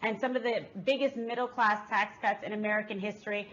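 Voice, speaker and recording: A woman's voice: medium pitch, steady tone, fairly quick, fairly bright tone, slight background noise. A woman commenting as a guest on a political talk show, emphatic and scornful. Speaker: panel guest. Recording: dull lo-fi stream audio.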